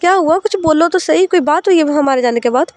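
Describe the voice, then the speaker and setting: Woman putting on a tender young woman, high and coaxing. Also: a little fast, darkish tone, no room sound, lightly acted. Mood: worried, coaxing. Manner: coaxing, repeated worried questions. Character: tender young woman comforting her crying partner.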